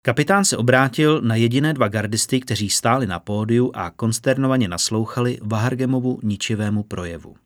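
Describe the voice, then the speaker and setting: A man narrating a fantasy story in a steady, measured audiobook reading. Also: medium pitch, no echo, studio quality.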